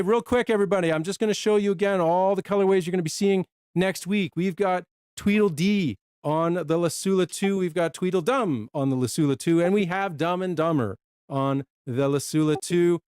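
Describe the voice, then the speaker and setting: A man co-hosting a casual product live stream, chatty and quick, sometimes short of breath. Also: high voice, a little mellow, clean tone, no room sound, clean studio sound. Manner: chatty, talks fast and runs out of breath.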